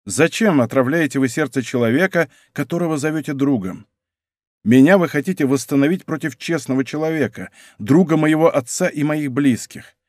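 Audiobook role: man reading a stern young nobleman, low-key, icy, measured, dry sound. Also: dry recording, lightly acted. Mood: cold. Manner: calm, cold, measured speech. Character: cool, honorable young viscount, controlled and stern. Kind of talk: audiobook character voice.

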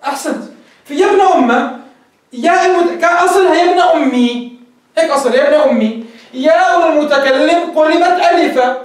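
Male teacher, brisk classroom lecture, heard from far off in a very echoey room. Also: extremely high pitch. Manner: explains step by step, quizzing students. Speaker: teacher of Arabic grammar.

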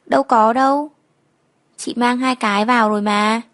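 A woman's voice: on the high side, fairly even intonation, moderate pace, fairly bright tone, dry recording, lightly acted. A woman voicing a young village girl's older sister, bossy but coaxing.

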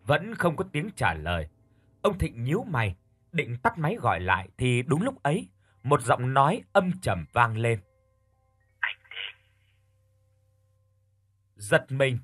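A man narrating a horror audiobook in a calm, measured storytelling voice. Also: medium pitch, slightly rough, no echo, clean studio sound.

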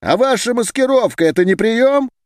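A man's voice: sits high, sing-song, slow, no echo, studio quality, voice pushed up, heavily acted. A man voicing a fiery defiant scientist. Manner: heated, declamatory, rising to shouts. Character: agitated male geneticist defying a meeting. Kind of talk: audiobook character voice.

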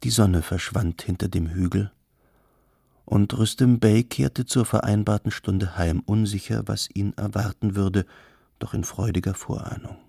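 A man narrating an audiobook in a calm, measured storytelling manner. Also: on the low side, gravelly, slightly rough, no room sound, studio quality. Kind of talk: scripted narration.

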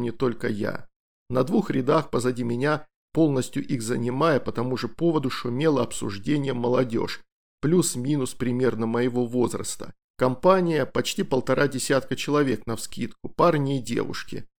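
A male audiobook narrator with a medium-pitched voice. He reads scripted first-person fiction in a measured manner, enunciating each phrase clearly. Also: a little mellow.

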